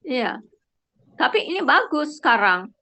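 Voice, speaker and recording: A woman leading an online prayer meeting on a video call, calling on each person gently by name. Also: sits high, big pitch swings, a little slow.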